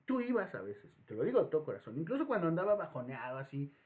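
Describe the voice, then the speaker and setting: Animated Mexican professor, tinny line. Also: male voice, a little high, fast talker. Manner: animated, acts out voices in anecdotes. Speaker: psychology professor. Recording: tinny phone-like audio.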